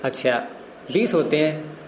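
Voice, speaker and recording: A man's voice: fairly high pitch, lively intonation, a little slow, slight background noise. A man teaching Sanskrit grammar to a class, explaining rules and quizzing his students. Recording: roomy echo.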